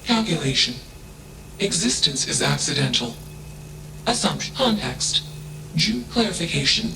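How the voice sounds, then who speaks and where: A literal-minded artificial intelligence from a video game, flat and emotionless. It speaks slowly in a gravelly monotone and tags each clipped statement with a label word. Steady noise sits behind the game audio. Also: male voice, fairly high pitch, heavily acted.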